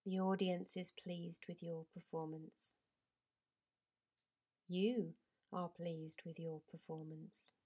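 Breathy lady yoga teacher, super slow soft guided relaxation, kinda low voice, half whispering.

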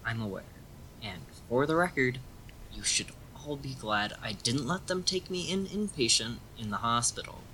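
A man's voice: medium pitch, expressive, normal speed, sharp tone, slight background noise, low-quality recording. A man playing an irritable, sarcastic young man in a naturalistic audio drama, blunt and defensive. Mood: irritated, defensive.

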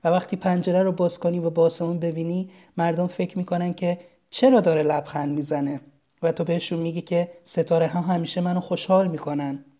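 A reader voicing a gentle, earnest young boy prince from a tiny planet in a storybook reading. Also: medium pitch, flat delivery, close to an everyday voice. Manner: soft, earnest and kind.

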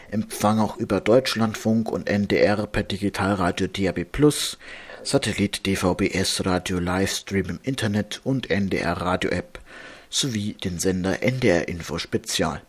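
A man reading a marine radio bulletin of nautical warnings as an announcer, in a formal, measured manner, carefully spelling things out. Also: sits low, slightly rough.

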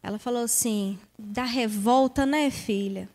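A young woman shares a personal faith testimony in a high-pitched voice. She talks earnestly and with deep emotion, and her voice often drops soft and quiet. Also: a little slow.

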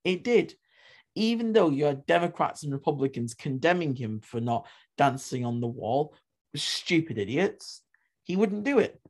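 A man with a fairly high, mellow voice hosts a history podcast. He talks in an emphatic, opinionated way, hammering home his points by repeating them and dropping the odd curse word. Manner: emphatic, repeats points for stress, swears casually. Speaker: podcast host.

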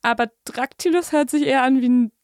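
Young female podcast co-host, high voice, easygoing and supportive, recorded dry. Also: fairly quick, no room sound. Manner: calm, affirming, short agreeing replies. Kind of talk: casual conversational podcast.

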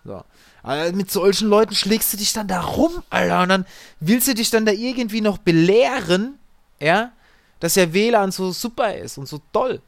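Lively, slangy tech support storyteller. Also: medium pitch, moderate pace, no echo. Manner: slangy, exasperated, chatty. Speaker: tech support worker telling customer stories. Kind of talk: casual storytelling.

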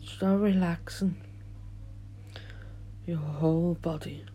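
A man leads a guided meditation in a soft, hushed, soothing voice, leaving long pauses as he goes. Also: a little high, steady tone, slightly rough. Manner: soothing, gentle, drawn-out delivery with long pauses. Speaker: podcast host and meditation guide.

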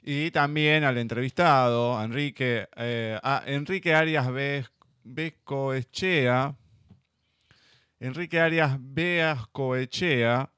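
A man's voice: mid-range voice, slow pace, a bit bright, clean tone, no echo, studio quality. A man with a Rioplatense Argentine accent hosting a literary radio show, joking with his co-host and signing off. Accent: Rioplatense Argentine Spanish. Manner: teasing, joking. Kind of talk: casual radio banter and sign-off.

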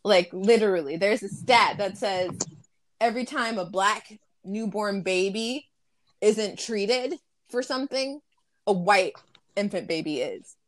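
A woman's voice: medium pitch, unhurried, dry recording. Blunt woman in a dry, close recording. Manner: frank and blunt, swears freely. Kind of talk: casual conversation.

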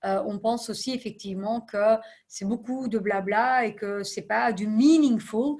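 In an unhurried, slightly mellow voice with a fairly high pitch, a woman in her thirties, who runs a nonprofit, responds to a podcast interviewer. Her answers are thoughtful, marked by frequent hesitations and English business vocabulary.

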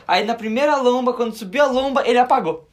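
A young man with a southern Brazilian accent from Rio Grande do Sul, a podcast co-host telling a story in slangy, animated casual chat. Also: extremely high pitch, quick pace, a little hiss or hum.

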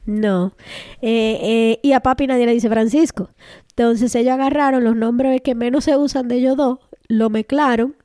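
A woman co-hosting a casual podcast chat, energetic and playful. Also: fairly high pitch, moderate pace, dry recording, studio quality. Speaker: podcast co-host.

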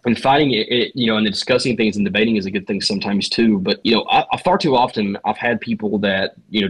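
A man with a Southern Appalachian drawl speaks in a low, husky voice. He discusses politics casually and earnestly, circling back over words as he works toward his point. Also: fairly bright tone, poor audio. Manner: earnest, halting, repeats words. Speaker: podcast guest.

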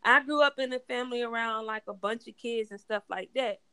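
Woman co-host, emphatic and loud, higher voice, dry close sound. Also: brisk, smooth, no room sound. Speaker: co-host, teacher. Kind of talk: casual podcast discussion.

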